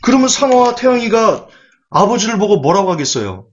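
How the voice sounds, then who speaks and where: A man delivers a sermon with an animated, rhetorical delivery, slipping into quoted voices. His fairly high voice swings widely in pitch. The recording sounds dull and lo-fi. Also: a little fast. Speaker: pastor.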